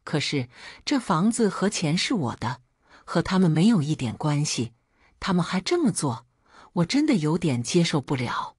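A woman's voice: deep voice, very animated, normal speed, a little mellow, slightly rough, no room sound, clean studio sound, heavily acted. A woman voicing a hurt, weary daughter. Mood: resigned. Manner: hurt, resigned, firm. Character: weary middle-aged daughter, hurt but firm.

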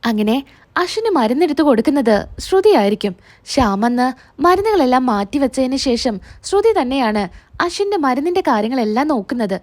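A woman's voice: high voice, very animated, brisk, darkish tone. A woman who reviews a TV serial, casually retelling the episode in a chatty storytelling manner.

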